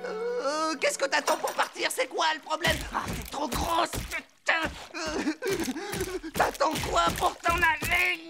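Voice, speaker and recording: An actor voicing an excitable, goofy young cartoon superhero. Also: male voice, very high voice, slow pace, creaky, heavily acted. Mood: impatient. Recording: loud music behind the voice.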